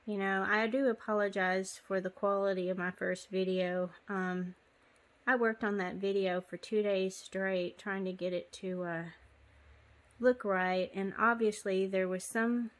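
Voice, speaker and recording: A woman's voice: mid-range voice, steady tone, measured pace. A woman giving a casual step-by-step knitting tutorial, chatty and apologetic, with frequent ums. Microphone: phone.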